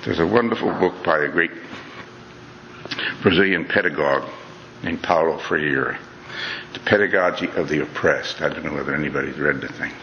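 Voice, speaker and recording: A middle-aged man with a bass voice speaks at a moderate pace, pausing often, his tone pushed and bright as he gives an earnest, reflective talk to an audience. Conversational in manner, he keeps saying "you know" and restarting phrases. It's a dull lo-fi recording in a reverberant hall, with a little hiss or hum.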